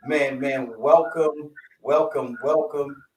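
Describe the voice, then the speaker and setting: A man's voice: medium pitch, takes it slowly, a crowd in the background. Playful slangy guy hosting a podcast, sounds far off the mic, echoey room. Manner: animated, playful, lots of slang and fillers. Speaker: podcast co-host. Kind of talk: casual podcast chat and guest introduction. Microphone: video call.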